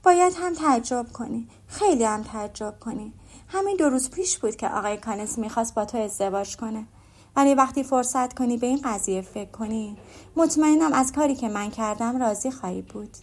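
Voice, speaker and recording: A woman reading a calm, practical young woman. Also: a little high. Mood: calm, matter-of-fact. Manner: calm, matter-of-fact reasoning. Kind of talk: audiobook character reading.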